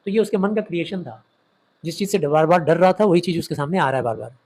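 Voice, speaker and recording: A man explaining a story to his class in a fairly high voice. He retells the plot with quick acted-out quotes and answers his own questions as he goes. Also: a little mellow. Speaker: English literature teacher.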